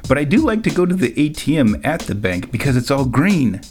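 A man's voice: medium pitch, very animated, a little fast, a little mellow. Man musing casually over faint music. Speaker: show host. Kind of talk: casual rambling monologue.

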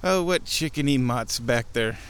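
A man's voice: medium pitch, animated, a little slow, a bit bright, smooth. A man hosting a casual show, narrating his walk outdoors in a rambling, observational way. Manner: rambling observational chat while walking. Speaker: podcast host and chairman. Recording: breezy outdoor noise while walking. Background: light wind and outdoor ambience.

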